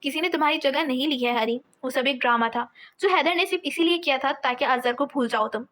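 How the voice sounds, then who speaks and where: A man's voice: extremely high pitch, fast, pushed and bright. A woman voicing a stubborn, protective young man in an audiobook, firm and pleading by turns. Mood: coaxing.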